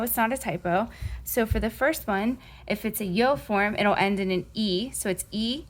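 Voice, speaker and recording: A woman teaching a recorded Spanish lesson, mixing Spanish phrases into her English explanations and often checking in with a reassuring "okay?". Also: medium pitch.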